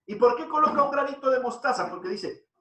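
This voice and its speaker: A man's voice: extremely high pitch, expressive, brisk, fairly bright tone, roomy sound, distant mic, poor audio. A man preaching an earnest devotional sermon, his voice rising when he quotes scripture.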